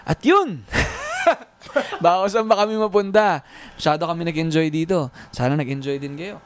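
A man's voice: a little high, expressive, normal speed, a little hiss or hum. A man hosting a casual podcast chat, upbeat and joking, laughing often, mixing Tagalog with English. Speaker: host.

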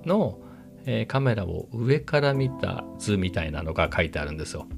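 A man with a low, gravelly voice talks casually in a rambling vlog, now and then sinking into a hushed near-whisper. Clear guitar music plays behind him the whole time. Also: big pitch swings, moderate pace. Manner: rambling, chatty, sometimes drops to a hushed low voice. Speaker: camera vlogger. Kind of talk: casual chat. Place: at home with family in next room.

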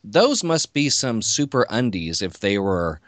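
A man with a fairly low voice co-hosts a podcast, relaxed and chatty. The sound is close and dry. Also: a little slow, no echo. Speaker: podcast co-host. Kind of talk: casual chat.

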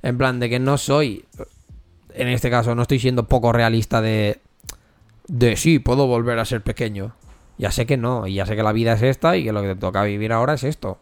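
On a casual podcast, a male co-host talks candidly in a smooth, brisk, mid-range voice. He swears often and keeps restarting his sentences mid-thought.

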